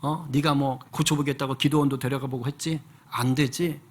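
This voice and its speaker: A man voicing God speaking to a believer in a low, hushed, firm way, as a quote inside a sermon. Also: steady tone, normal speed, husky, lightly acted. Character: God, a low fatherly voice rebuking then comforting.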